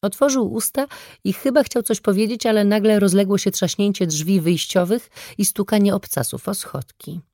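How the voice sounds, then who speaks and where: A woman narrating a first-person audiobook in a measured, even storytelling manner, close to the microphone. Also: medium pitch, no echo.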